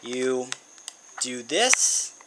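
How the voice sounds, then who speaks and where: Working through an electronics build, a hobbyist man thinks out loud in a relaxed how-to demo, speaking extremely slowly in a medium-pitched, very animated voice. Insect hum runs through the noisy amateur recording.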